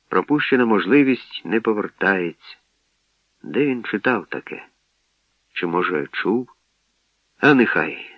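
A man narrating an audiobook in a calm, measured storytelling manner, on a dull lo-fi radio recording. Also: lowish voice, no echo.

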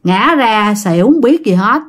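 A woman's voice: fairly high pitch, lively intonation, unhurried. A woman telling listener-sent ghost stories as a channel host, chatty and often talking straight to her audience. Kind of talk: told ghost story narration.

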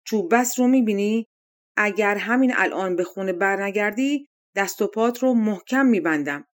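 A woman reading as a calm clever tailor. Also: mid-range voice, lightly acted. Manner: calm, matter-of-fact.

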